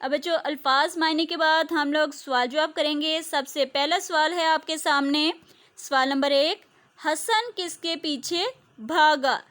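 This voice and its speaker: A woman teacher with a Pakistani Urdu accent reads a lesson to children, saying each key word twice, slowly and clearly. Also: high-pitched, fairly even intonation, a bit bright. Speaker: school teacher. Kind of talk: slow classroom reading lesson.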